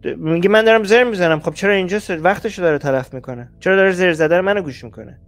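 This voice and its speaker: A man's voice: high-pitched, faint music behind. Blunt, heated male commentary host. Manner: blunt, exasperated, rising heat. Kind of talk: reaction commentary on clips.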